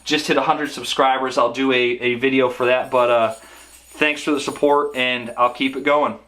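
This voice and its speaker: A man talks through a product review in a relaxed, conversational way, leaning on "uh" fillers as he explains features. His pitch sits in an ordinary middle range for a man. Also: normal speed. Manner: conversational, frequent "uh" fillers, upbeat sign-off. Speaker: camera gear vlogger.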